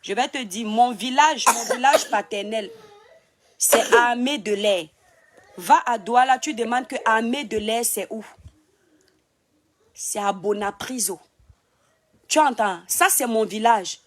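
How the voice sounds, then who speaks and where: A woman's voice: on the high side, measured pace, slight background noise. A woman from Cameroon with a Cameroonian French accent, hosting a casual live stream from home, talking straight to viewers and mocking a critic between laughs. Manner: teasing, scolding and laughing at a critic. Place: home in Europe.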